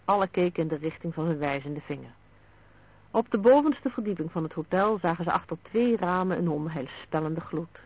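A man narrates a detective story in a steady, measured reading voice. His pitch sits high. The sound is thin and boxy, like a phone line. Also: slightly rough.

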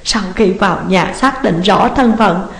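A woman's voice: mid-range voice, close to an everyday voice. A woman voicing a sobbing, pleading mother. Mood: distraught. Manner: sobbing, slow and drawn-out pleading. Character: distraught middle-aged mother, tearful and pleading. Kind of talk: audiobook reading. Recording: roomy, long hall reverb.

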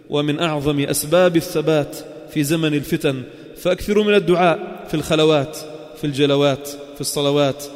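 A man's voice: on the high side, in a large hall. A man preaching a Ramadan sermon, impassioned and rising to cries during supplications, recorded in a mosque.

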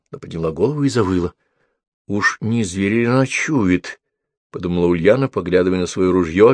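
A man narrating a story in a measured, expressive reading voice. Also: on the low side, no room sound.

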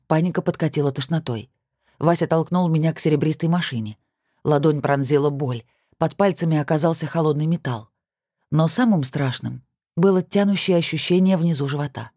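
An audiobook reader giving steady, even first-person novel narration. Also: medium pitch, no echo, clean studio sound.

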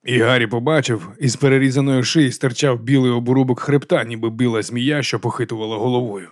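A man narrates a crime novel as an audiobook reader, steady and measured in his telling. His voice sits at an ordinary middle pitch for a man. The recording is dry and close, with no room sound. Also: no echo. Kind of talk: scripted narration.

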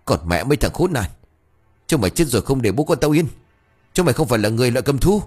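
A man voicing a grieving, furious older village man who shouts curses and mocks bitterly. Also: on the low side, animated, fairly quick, breathy edge, soft background music. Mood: raging.

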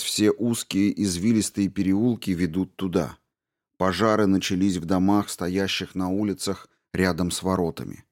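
A man narrating a dramatic novel as an audiobook in a steady, measured reading. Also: deep voice.

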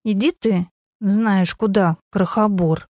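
A woman voicing a sharp-tongued, mocking female friend with a raised, cutting delivery. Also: steady tone, slow, dry recording, clean studio sound. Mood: scornful. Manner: scornful, cutting, raised pitch.

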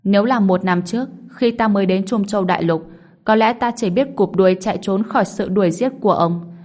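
A woman's voice: mid-range voice, a little fast, darkish tone, close to an everyday voice. A woman voicing a cocky young male swordsman who taunts his enemy. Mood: taunting. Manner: taunting, mocking.

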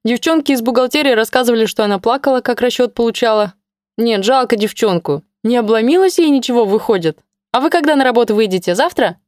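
A woman's voice: on the high side, animated, fast, darkish tone, no room sound, clean studio sound, voice pushed up, natural voice. A woman voicing an eager, chatty young male office clerk who rattles on with gossip. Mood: chatty, worried.

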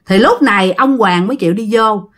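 A woman's voice: mid-range voice, a little fast, a bit bright. A woman telling a ghost story in a chatty way, addressing her listeners directly.

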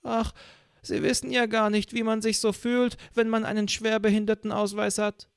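A man's voice: sits high, monotone, moderate pace, smooth, dry recording, studio quality, voice pushed up. A man voicing a chatty, self-pitying old woman in a read-aloud story, speaking in a whiny, plaintive way.

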